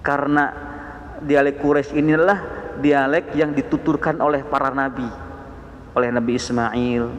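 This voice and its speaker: A man with a Sundanese accent teaching a dawn study session on the Quran, with animated rising emphasis on key words. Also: mid-range voice, moderate pace, dull audio, slight background noise. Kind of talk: mosque study sermon. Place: mosque. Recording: echoey mosque hall.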